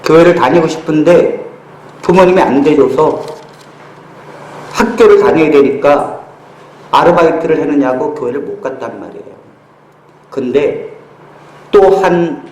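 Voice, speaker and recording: A man's voice: a little high, expressive, unhurried, long pauses, a little mellow, echoey room, rough recording. A male pastor preaching a sermon, telling stories and acting out quoted lines with humorous asides. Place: church hall.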